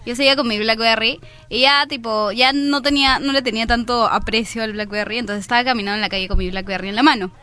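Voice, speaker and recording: A woman's voice: fairly high pitch, quick pace, few pauses, sharp tone, smooth, soft background music. A young woman with a Peruvian accent chatting casually in a group, telling anecdotes with lots of fillers. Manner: chatty storyteller, many fillers like "tipo" and "o sea".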